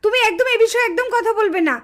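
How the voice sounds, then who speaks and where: Woman voicing a super high-pitched angry village mom, scolding and yelling, doll show. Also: very fast. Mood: furious. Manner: scolding, shouting, complaining loudly. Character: shrill quarrelsome village mother, easily enraged.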